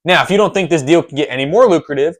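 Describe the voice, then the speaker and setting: A man's voice: on the high side, racing. A young man hosting a solo sports podcast, telling a story in a conversational way with casual fillers. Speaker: podcast host.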